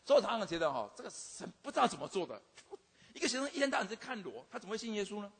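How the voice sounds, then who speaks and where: A man's voice: high voice, very animated, very fast, slightly rough. An older man, a university teacher, tells a humorous testimony about his students, stammering and repeating himself with frequent "OK" fillers. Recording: long hall reverb.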